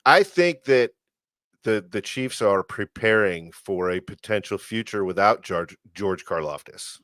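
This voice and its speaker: A man's voice: on the low side, lively intonation, measured pace, fairly bright tone, dry recording. Chatty, eager co-host, a man with a mid-range voice on a dry recording. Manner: enthusiastic, chatty, searches for words. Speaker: podcast co-host. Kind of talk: casual sports chat.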